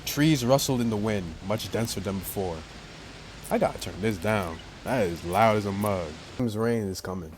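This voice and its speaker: With game music in the background, a gaming YouTuber reads through a visual novel and throws in joking, slangy comments. His voice sits on the low side, a little mellow, at a moderate pace, and there's slight hiss or hum in the recording.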